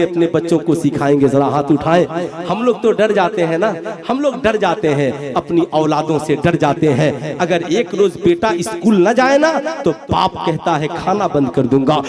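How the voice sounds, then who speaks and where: High-voiced man preaching to a crowd. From Bihar, India. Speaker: Islamic preacher. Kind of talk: sermon at a religious gathering. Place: stage at a crowded public religious gathering. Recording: live crowd gathering audio. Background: crowd murmur and reactions.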